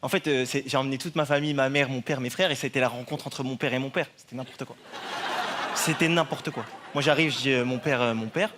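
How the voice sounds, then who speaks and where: A male stand-up comedian telling a story on a TV studio stage in an animated, chatty way, laughing along as he goes. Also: medium pitch, quick pace. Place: TV studio stage with live audience. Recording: loud audience laughter and noise.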